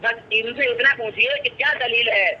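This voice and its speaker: Man with a high voice jumping into a debate, muffled sound, crowd around. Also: moderate pace, slight background noise. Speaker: debate participant. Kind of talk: heated religious debate.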